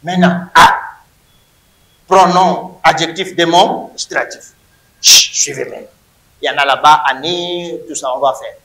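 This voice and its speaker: A man's voice: fairly high pitch, a little slow, long pauses, bright, forceful tone, reverberant, a little hiss or hum, poor audio. A man teaching a Hebrew grammar lesson to a class, emphatic and repeating words to drill them.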